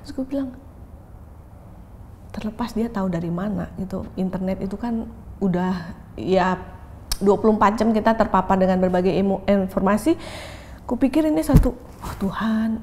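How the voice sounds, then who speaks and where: A woman's voice: mid-range voice, normal speed, pauses often, a little mellow, a little hiss or hum. Candid woman sharing her story. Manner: open, reflective, switches into English phrases. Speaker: pastor and interview guest. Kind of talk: candid interview testimony.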